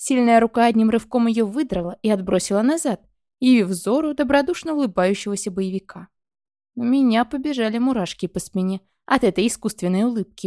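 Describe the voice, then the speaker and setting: Woman reading audiobook, lively, mellow voice, kinda high, dry close mic. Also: no room sound. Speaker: audiobook narrator. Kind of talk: first-person audiobook narration.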